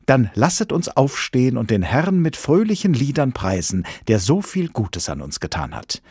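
A man reading a story aloud and voicing a wide-eyed law student who preaches loudly during his exam. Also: mid-range voice, big pitch swings, moderate pace, slightly rough, dry recording, clean studio sound, voice pushed up. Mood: fervent. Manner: loud, fervent, sermon-like declaiming.

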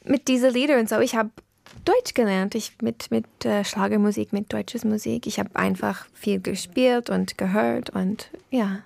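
A woman's voice: medium pitch, measured pace, creaky, darkish tone, no room sound. American-accented woman speaking non-native German. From Pennsylvania, United States. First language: English. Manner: non-native German with grammar slips, searching for words. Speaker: interview guest, singer. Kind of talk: casual studio interview. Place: studio.

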